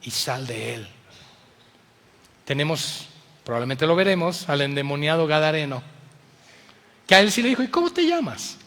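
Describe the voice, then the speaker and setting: A male pastor with a Mexican accent preaches an impassioned sermon, moving between loud appeals and hushed words. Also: a little high, big-room sound.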